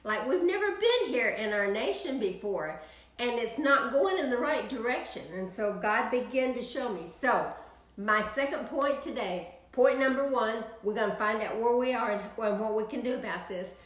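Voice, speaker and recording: With sweeping hand gestures and plenty of energy, an older female minister from Texas preaches a prayer broadcast sermon to an online audience in her home office. Her fairly high voice moves at normal speed through an echoey room, captured in low-quality audio.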